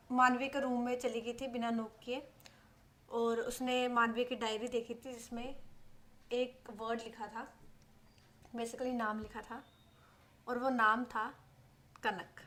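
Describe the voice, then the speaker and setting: Woman narrator, chatty casual storytelling, fairly high voice. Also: fairly bright tone, slight background noise. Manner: chatty, retells the story in her own words. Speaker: audiobook narrator.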